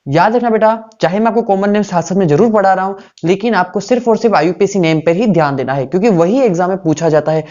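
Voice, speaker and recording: A man's voice: high voice, fast, hardly any pauses, a little mellow. Guy teaching a class, keeps asking then answering his own questions, kinda muffled lo-fi audio. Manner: poses questions and answers them himself, repeating key terms. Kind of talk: classroom lecture.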